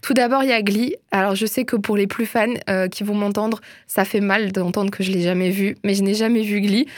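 A woman's voice: mid-range voice, fairly even intonation, fairly quick, no echo, clean studio sound. A young woman recommending films and series in a chatty, enthusiastic way, laughing often. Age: young adult. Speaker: host. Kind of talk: casual film and series recommendations.

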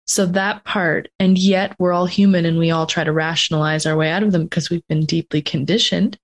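A woman's voice: lowish voice, fairly even intonation, fairly quick. A woman from North America who hosts a casual interview podcast and thinks aloud in long, reflective sentences. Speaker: podcast host.

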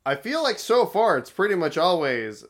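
A man co-hosting a podcast, talking in a wry, analytical, deadpan way in casual chat about a cartoon episode. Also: sits high, normal speed. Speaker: podcast co-host.

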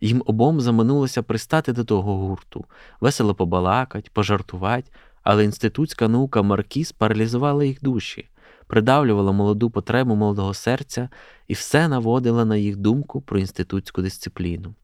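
A man, a journalist, reading a classic prose excerpt aloud in a steady, measured way. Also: fairly low pitch, clean tone, no room sound, studio quality.

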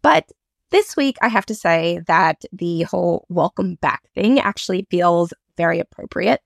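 A woman hosting a casual solo podcast, self-deprecating, with a slightly croaky voice left over from a chest infection. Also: on the low side, expressive, measured pace, dry recording, studio quality. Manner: self-deprecating, chuckles at herself. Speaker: podcast host.

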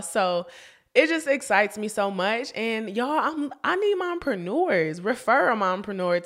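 A woman's voice: mid-range voice, a bit bright. Chatty young woman podcast host. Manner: chatty, laughs often, keeps addressing listeners as y'all. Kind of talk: casual podcast chat.

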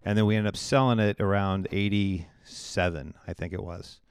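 Rambling low-voiced pastor from Iowa. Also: male voice, fairly even intonation, normal speed, clear, resonant tone, dry recording, clean studio sound. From Iowa, USA. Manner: rambling, restarts phrases often. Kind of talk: conversational interview.

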